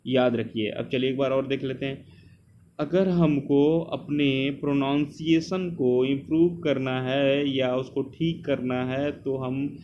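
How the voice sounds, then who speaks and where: A man's voice: mid-range voice, a little mellow. A man teaching an exam coaching lesson, repeating key terms again and again as he drills them. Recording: slightly dull lo-fi sound, faint noise.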